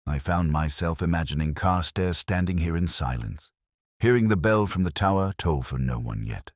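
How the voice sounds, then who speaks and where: Man as very deep-voiced, brooding Inspector Morse. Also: no room sound, clean studio sound. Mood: brooding, reflective. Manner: measured, literary, reflective. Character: brooding, erudite, world-weary male police inspector. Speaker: narrator in character. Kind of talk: first-person detective story narration.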